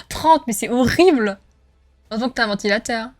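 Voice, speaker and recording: A woman streaming from home, chatting with her viewers in a lively, joking way and cheering on a race. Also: fairly high pitch, normal speed. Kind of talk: live-stream chat with viewers while racing.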